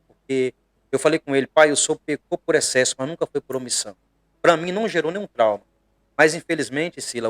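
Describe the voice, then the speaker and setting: A middle-aged man from Bahia with a Brazilian accent, a pastor preaching conversationally on a podcast, earnest and emphatic, often pausing to hesitate. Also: a little high, no room sound.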